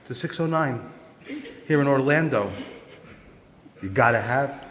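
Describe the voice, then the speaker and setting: Excitable man hyping pizza in an echoey hall. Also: mid-range voice, measured pace. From New Jersey. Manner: excitable, hyping, loud bursts of praise. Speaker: pizza reviewer host. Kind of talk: enthusiastic food vlog tasting. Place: hotel press room, indoors. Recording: echoey hall with faint background noise.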